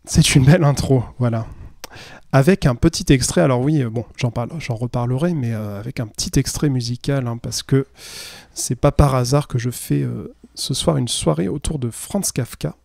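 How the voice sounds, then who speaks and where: Mellow-voiced male streamer and reader. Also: mid-range voice, vocal fry, dry recording, clean studio sound. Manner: measured reading; chat full of fillers. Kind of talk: literary reading, then casual stream chat.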